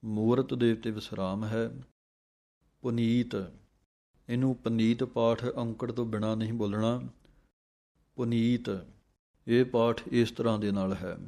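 A man teaching scripture recitation. He chants verses slowly, then explains pronunciation in quicker speech. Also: medium pitch, flat delivery, mellow.

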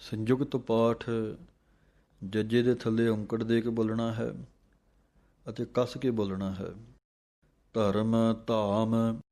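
Male recitation teacher. Low, steady, flat delivery; slow chanting mixed with brisk spoken pointers. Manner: slow chanted verses alternating with quick spoken explanations. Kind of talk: recitation lesson, chanting verses then explaining pronunciation.

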